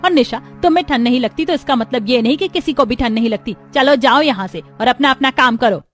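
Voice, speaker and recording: Stern caring middle-aged mom-in-law, voiced by a woman, fairly high, cartoon. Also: a little fast, faint music behind, lightly acted. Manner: scolding yet caring. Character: kind firm middle-aged mother-in-law.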